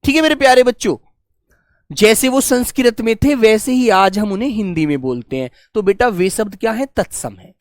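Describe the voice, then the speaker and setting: A male Hindi teacher giving a live online exam-prep class, speaking affectionately to his students and slowly repeating key phrases for them to write down. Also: high voice, lively intonation, dry recording, studio quality.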